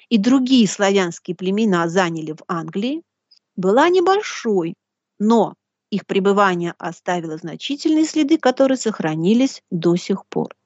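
A woman giving a deliberate, didactic lecture in bookish phrasing, reading out quotations as she goes. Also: medium pitch, no echo, highs cut off. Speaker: lecturer hosting a live broadcast.

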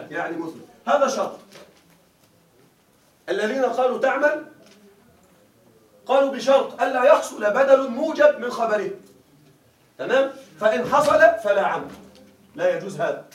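A man's voice: sits high, expressive, normal speed, long pauses. A man teaching a grammar lesson in a classroom, asking his students again and again whether they follow. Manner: keeps asking students to confirm. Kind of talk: classroom lecture. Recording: echoey room, mic far away.

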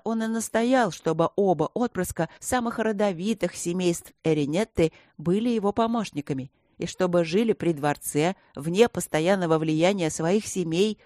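A woman narrating a fantasy audiobook in an even storytelling manner, close to the mic. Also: on the low side, no room sound. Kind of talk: scripted narration.

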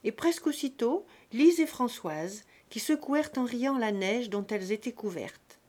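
A woman narrating an audiobook of a classic novel in a calm, measured reading voice. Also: a little high. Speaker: audiobook reader.

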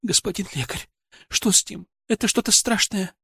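A woman's voice: lowish voice, a little fast, no room sound, studio quality, pitched above the performer's own voice, natural voice. A man voicing a frightened woman in her fifties, the anxious wife of a hospital patient, who speaks with a trembling voice. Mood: tearful. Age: 50s.

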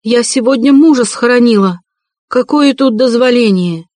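In an audiobook reading, a reader voices a proud but impoverished widow who starts out haughty and turns shrill, frantic, and desperate, the voice raised and strained. The delivery keeps a moderate pace, sounding natural, a bit mellow, and free of echo.

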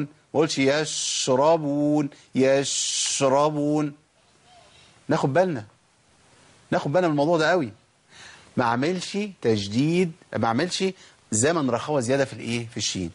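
Egyptian man, recitation teacher, higher voice, rapid patter, drawls letters for demos. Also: breathy edge. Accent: Egyptian Arabic. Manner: asks rhetorical questions and answers them himself; stretches out letters slowly to demonstrate pronunciation. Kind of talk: recorded recitation lesson.

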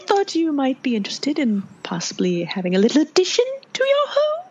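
A woman voicing a female door saleswoman with a husky voice and giggly sales patter. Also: high voice, wildly swooping pitch, fairly quick, darkish tone. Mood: salesy. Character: female moon door saleswoman, chirpy pitch.

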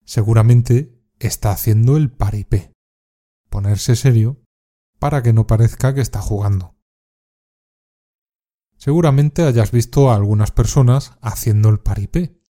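A man from Spain teaching informal Spanish words, speaking slowly and carefully and repeating each word for practice. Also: mid-range voice, warm tone. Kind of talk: scripted slang lesson with repeat-after-me drills.

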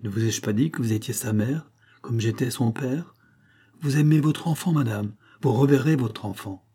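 A stern mesmerist who speaks in firm, measured commands, as a man reading the story plays him. The voice is dark, mellow and a little husky, close to the reader's own, an imposing doctor from an old novel. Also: mid-range voice. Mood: calm.

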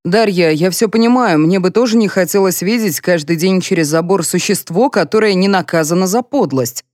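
A woman reading an audiobook, voicing a stern, gruff middle-aged man who speaks bluntly. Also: on the low side, fairly quick, a little mellow, no echo, clean studio sound, close to an everyday voice. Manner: blunt, curt.

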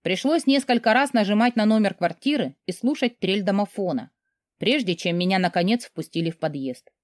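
A woman narrating a novel in the first person, in an expressive storytelling manner. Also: mid-range voice, brisk, dry recording, clean studio sound. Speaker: audiobook narrator.

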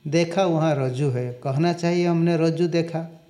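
A man giving a scripture lecture, reciting Sanskrit lines slowly and explaining them, asking questions and answering them himself. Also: a little high, warm tone. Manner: slow and deliberate, recites Sanskrit and explains it in Hindi. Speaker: Vedanta teacher.

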